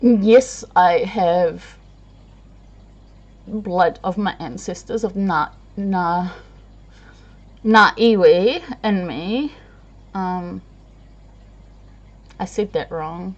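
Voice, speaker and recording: A woman's voice: lowish voice, drawn-out words, pauses often, muffled recording. A tired woman chatting to camera in a rambling, self-deprecating way, laughing often. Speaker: vlogger. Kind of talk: casual chat to camera.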